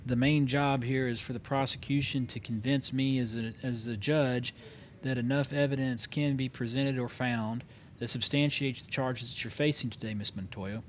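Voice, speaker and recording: A man role-playing a judge in court, announcing formally like a court clerk, with hesitant pauses. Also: fairly even intonation. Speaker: judge in an online role-play game. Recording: dull lo-fi mic with clear rumbling noise.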